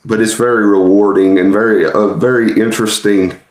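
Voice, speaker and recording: A man's voice: lowish voice, fairly even intonation, fairly quick, darkish tone. A man chatting casually as a podcast co-host, conversational and reassuring in how he talks. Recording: roomy, echoey sound.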